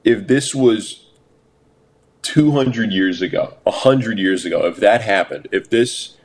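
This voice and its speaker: Low-voiced man in casual podcast chat. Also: slow. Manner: profane, animated storytelling. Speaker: podcast co-host.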